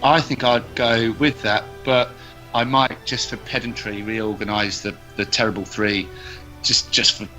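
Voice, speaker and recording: Bright-voiced man chatting. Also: mid-range voice, level tone, a little slow, soft background music. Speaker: comedy podcast co-host, guest. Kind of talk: casual chat.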